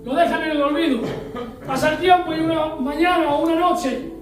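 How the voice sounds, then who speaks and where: A high-pitched man with a Spain Spanish accent preaches a sermon, telling a story and voicing its characters. He sounds set back from the microphone in a very echoey church, with music playing behind him. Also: steady tone, moderate pace. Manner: storytelling, acts out scenes with voices. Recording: echoey church hall, mic at a distance.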